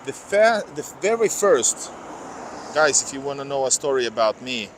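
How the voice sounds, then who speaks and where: Speaking at a moderate pace in a sing-song, mid-range voice, a Finnish vlogger with a slight accent, native in Finnish or Russian, livestreams as he walks outdoor city streets. He rambles to chat, catches and corrects himself, and reads out viewer comments, all against noisy traffic.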